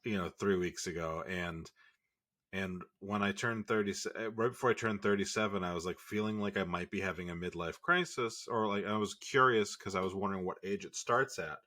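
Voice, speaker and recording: A man's voice: low voice, a little fast, pushed and bright. A man in his late thirties co-hosting a podcast, telling rambling stories in casual chat. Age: 30s. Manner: rambling, self-interrupting. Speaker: podcast co-host.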